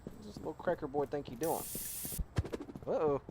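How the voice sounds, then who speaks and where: A young man playing a video game with a friend, loud, laughing and swearing as he taunts. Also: fairly high pitch, lively intonation, normal speed. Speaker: gamer recording a gameplay video. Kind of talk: excited gaming chat with a friend. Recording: noisy gaming mic.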